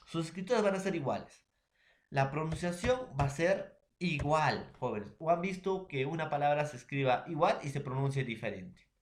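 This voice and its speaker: A man's voice: on the high side, a little hiss or hum. A man with a Peruvian Spanish accent teaching a recorded class, repeating points and asking the students rhetorical questions. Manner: repetitive, addresses students and fellow teachers, asks rhetorical questions. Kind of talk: recorded remote class lecture. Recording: echoey room.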